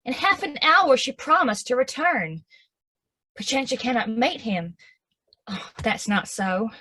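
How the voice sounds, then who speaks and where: An actress plays an impatient young girl in love who speaks with a Southern accent. Her voice is high and bright, and she pleads in slow, measured verse. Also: lively intonation, heavily acted. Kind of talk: stage acting of verse drama.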